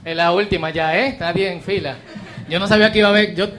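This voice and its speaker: A man with a high, bright voice hosts a sharing session in church, calling people up and tossing in jokey asides. Faint background noise sits under him. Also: steady tone, fast. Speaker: church leader hosting a sharing time. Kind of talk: casual hosting in church.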